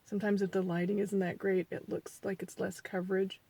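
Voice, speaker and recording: A husky, mid-range female voice moves fairly quickly with little change in pitch. It belongs to a beauty vlogger in her forties doing a casual foundation review: rambling, chatty and self-deprecating, a little sniffly from allergies, turning quiet and mumbly while she puts on makeup.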